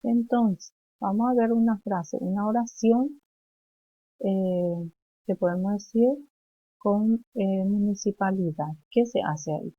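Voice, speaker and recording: A woman teaching young children, slowly saying words and phrases for them to repeat back. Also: mid-range voice, dark tone, no room sound, lo-fi sound. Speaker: preschool teacher. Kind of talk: remote language lesson for young children.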